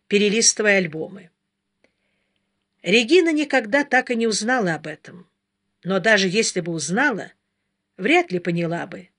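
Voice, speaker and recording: A woman narrating a novel as an audiobook in a measured, dramatic reading. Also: mid-range voice, a bit bright.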